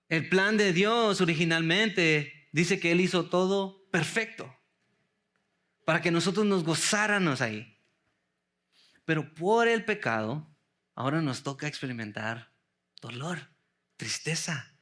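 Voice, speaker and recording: A man's voice: on the high side, a bit bright. A man preaching a sermon to his congregation in a church, asking rhetorical questions, calling them brothers and slipping English words into his Spanish. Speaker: pastor. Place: church sanctuary.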